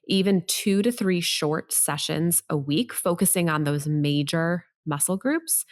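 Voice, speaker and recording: Addressing the listener directly, this middle-aged health podcast host gives advice in an upbeat, well-organized, encouraging vlogger style. She talks at a measured pace, her voice on the low side.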